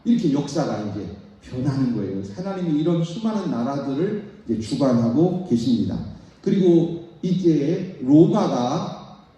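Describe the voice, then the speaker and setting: A middle-aged male pastor gives a Bible teaching sermon, his lively voice rising and falling as he reads lists out slowly and with emphasis. His tone is dark and mellow. He is picked up from a distance in a strongly echoing church sanctuary. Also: fairly high pitch. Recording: very echoey hall, voice from a distance.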